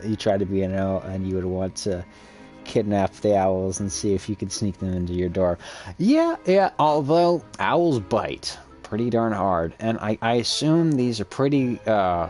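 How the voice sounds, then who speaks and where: A man's voice: low voice, a little mellow. A man giving casual let's-play commentary over a game, rambling with many ums and uhs. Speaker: gameplay commentator.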